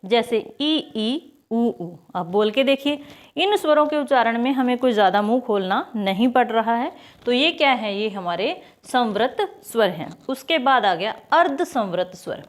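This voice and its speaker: Woman teacher, fairly high voice, patient explainer who poses questions and answers them, sounds out example vowels slowly. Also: lively intonation. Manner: explains step by step, asks and answers her own questions. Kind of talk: online Hindi grammar lesson.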